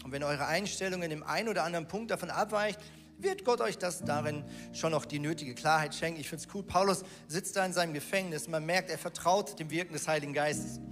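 A man with a bright, high voice preaches a sermon in a loose, lively, slangy way. His voice rings with a long reverb, and clear music plays underneath throughout. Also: a little fast. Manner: casual and lively, with slangy asides.

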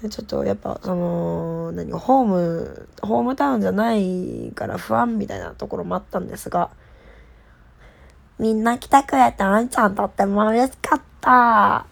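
Idol girl doing a solo radio chat, lots of vocal fry, bit stuffy nose, playful. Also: mid-range voice, darkish tone. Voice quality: nasal from a cold. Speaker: idol group member hosting her solo talk show. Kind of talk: casual solo chat to listeners.

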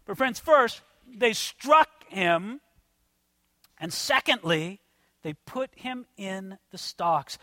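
A man preaching an expository sermon in an animated, conversational way, addressing his listeners as friends. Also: sits high, dry recording, clean studio sound. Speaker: pastor.

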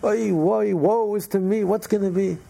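A man voicing a remorseful man who wails over his lifelong failing, his voice pushed high into a keening lament. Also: steady tone, normal speed, creaky, dark tone. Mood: wailing lament.

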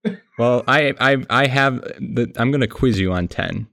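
A man's voice: mid-range voice, normal speed, creaky, bright, forceful tone, no room sound, studio quality. A man hosting a podcast in casual chat, recording under a blanket and often laughing as he rambles. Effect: muffled by a blanket over the mic. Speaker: podcast host.

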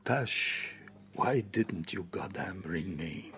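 An actor voicing a shaken man hearing his partner's past, slow and quietly exclamatory, in an audio drama. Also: low-pitched, animated, full character voice.

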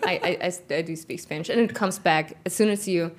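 A middle-aged woman who founded a workwear boot company speaks as a guest in a casual interview. She grew up in Kazakhstan speaking Russian, so her English carries a non-native accent, and her lowish voice is thoughtful, with frequent "um" pauses and light laughter.

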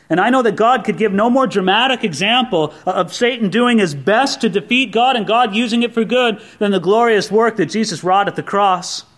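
Earnest high-voiced male preacher. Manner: earnest, animated preaching with frequent stammered restarts. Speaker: pastor. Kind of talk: sermon.

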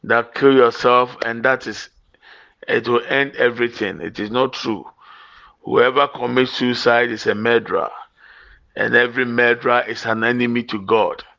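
A Ghanaian man, a native Twi speaker with a gravelly voice, preaching as a pastor in an emphatic, repetitive, exhortatory way with short urging phrases. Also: medium pitch, fairly even intonation, normal speed, sharp tone. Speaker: pastor leading morning prayer. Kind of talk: exhortatory sermon mixing preaching and prayer. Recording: dull, lo-fi audio.

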